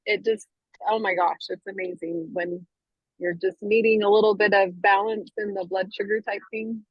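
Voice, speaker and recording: Husky woman chatting, dull audio. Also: medium pitch, fairly even intonation, moderate pace, no room sound. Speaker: group participant. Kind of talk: casual chat.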